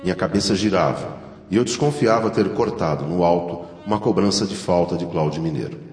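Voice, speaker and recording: Deep-voiced man narrating in echoey hall. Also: fairly quick, a little mellow. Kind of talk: scripted literary first-person narration. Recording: echoey hall reverb, faint music.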